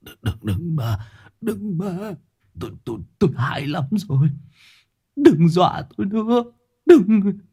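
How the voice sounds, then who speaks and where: A man's voice: high-pitched, big pitch swings, unhurried, pauses often, dark tone, breathy edge, pitched above the performer's own voice, full character voice. A man voicing a terrified dying old man who pleads in a strained, stammering voice.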